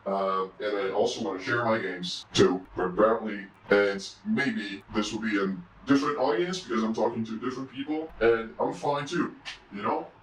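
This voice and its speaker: A man talking through a voice changer that shifts his voice deeper, speaking hesitantly in a casual confessional vlog from his room. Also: normal speed. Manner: hesitant, rambling, many "you know"s. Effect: deep pitch-shifting voice changer. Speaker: indie game developer and vlogger. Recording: roomy and distant, faint hum.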